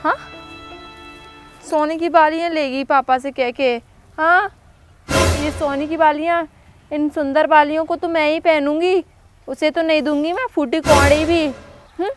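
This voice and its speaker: Woman as high-voiced cruel stepmother, harsh scolding and threats, music underneath. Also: steady tone, unhurried, long pauses. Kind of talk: Hindi moral-story acting. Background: background music.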